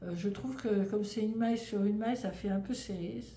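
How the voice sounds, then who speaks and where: Rambling French woman with a mellow voice. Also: medium pitch, brisk. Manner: rambling, stumbling, frequent fillers and restarts. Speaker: knitting vlogger. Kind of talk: casual chat. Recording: echoey room, faint background noise.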